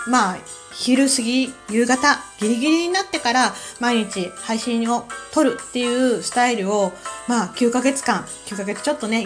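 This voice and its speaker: Woman, Kansai accent, relaxed solo talk host, soft fillers, slightly high voice, faint background music. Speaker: podcast host.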